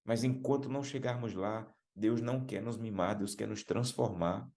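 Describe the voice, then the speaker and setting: A Brazilian man preaching a sermon, emphatic, repeating key words and calling listeners brothers, slowing to stress lines. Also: dark tone. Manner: emphatic, rises in pitch and slows down for stressed phrases.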